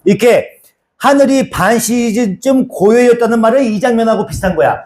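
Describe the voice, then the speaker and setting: Male pastor, high voice, chatty sermon delivery that acts out quotes. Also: fairly quick, darkish tone. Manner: conversational preaching with acted-out quotes and repetition.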